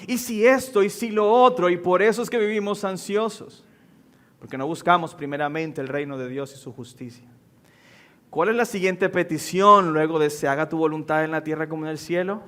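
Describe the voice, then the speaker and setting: A man in his thirties delivers a church sermon with a fairly high, light voice. He preaches earnestly and slows down to press home the key lines. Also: fairly bright tone. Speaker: pastor. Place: church sanctuary.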